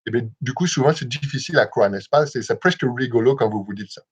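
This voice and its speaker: A young man hosting a live self-hypnosis session, talking gently and calmly with frequent hesitations, over a livestream mic. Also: mid-range voice, slightly rough. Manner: gentle, measured, with many hesitations. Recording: dull lo-fi livestream audio.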